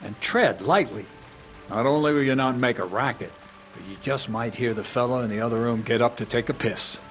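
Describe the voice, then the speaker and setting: An actor playing a blunt, coarse medieval thief who lectures on stealing, in a video game. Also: male voice, medium pitch, brisk, fairly bright tone, faint music behind, natural voice. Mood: lecturing. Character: gruff older male medieval thief, blunt and crude.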